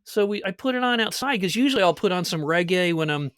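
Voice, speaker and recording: Animated storytelling man, dry close sound. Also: sits high, quick pace, dry recording. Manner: storytelling, animated, laughs at own jokes. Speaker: podcast host. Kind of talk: casual chat.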